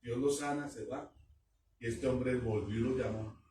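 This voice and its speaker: A man's voice: medium pitch, fairly even intonation, unhurried, dark tone, a little hiss or hum. A man preaching a sermon to a church congregation, exhorting and asking his listeners questions. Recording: echoey room, voice from far off.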